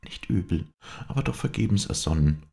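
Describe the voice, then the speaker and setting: A man reading aloud, raising his voice high to play a feverish, distraught noble lady who pleads insistently. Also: sing-song, moderate pace, creaky, darkish tone, exaggerated voice. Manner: pleading, agitated falsetto lift.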